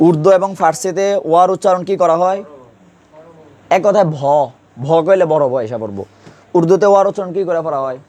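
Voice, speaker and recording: A male teacher with a slightly raised pitch leads a grammar class in an easy, conversational way. He drills pronunciation patiently and keeps quizzing his students with repeated questions. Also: quick pace, a little mellow. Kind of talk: classroom lesson.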